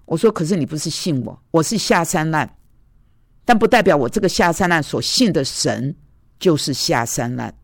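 A woman's voice: sits low, expressive, moderate pace, no echo, clean studio sound. A woman preacher giving a conversational, storytelling sermon, recounting arguments and dialogues from her own life.

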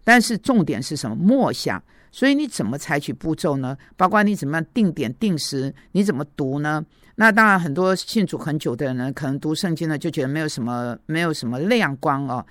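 Older preacher giving a relaxed devotional talk. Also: mid-range voice, fairly quick, few pauses, dry recording, studio quality. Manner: conversational, mixes in English words, many fillers. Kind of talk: devotional teaching and prayer.

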